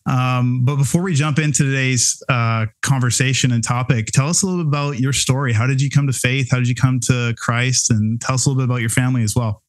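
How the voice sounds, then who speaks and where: A man's voice: medium pitch, fairly even intonation, fast, few pauses, dry recording. A man hosting a podcast interview, asking questions in a friendly, casual way with a lot of slang. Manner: friendly and casual, uses slang like "bro" and "dude". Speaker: podcast host.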